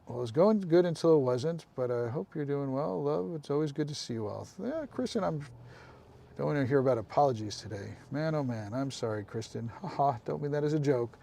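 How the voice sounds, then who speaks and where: A man's voice: medium pitch, animated, fairly quick, creaky, warm tone. A man hosting a casual live stream, chatting with viewers, calling them by name and making apologetic asides.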